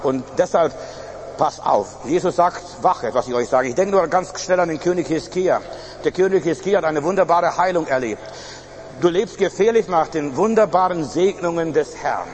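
A man's voice: on the high side, moderate pace, slight background noise. A male pastor preaching a sermon emphatically, with frequent fillers and restarts. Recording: reverberant hall, faint ambience.

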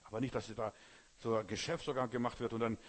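A fast-talking male preacher with a steady, medium-pitched tone gives an emphatic sermon, speaking directly to his audience and frequently checking with "you know?".

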